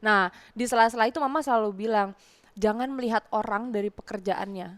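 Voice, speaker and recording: A woman's voice: fairly high pitch, a little fast. A young woman from Indonesia, a guest in a casual interview, telling a childhood story and acting out the voices she quotes. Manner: lively storyteller who acts out quoted voices loudly. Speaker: guest, content creator.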